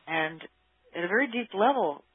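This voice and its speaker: A man's voice: high voice, animated, moderate pace, husky, dry recording. A man being interviewed as an expert, thoughtfully explaining his ideas and searching for the right words. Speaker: guest expert on workplace psychology. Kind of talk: conversational interview. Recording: phone-line audio.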